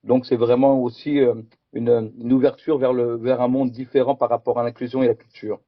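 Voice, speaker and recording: Giving a slide-based conference talk, this middle-aged presenter from Picardy in France keeps a level tone at a medium pitch and a brisk pace. He hesitates and repeats himself, captured in a dry, muffled recording.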